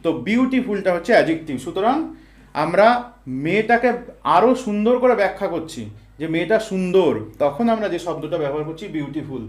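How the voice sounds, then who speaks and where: A man's voice: high voice, expressive, quick pace. A man teaching English grammar, explaining each point step by step with everyday examples and talking straight to his students. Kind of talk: explanatory lesson. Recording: echoey room.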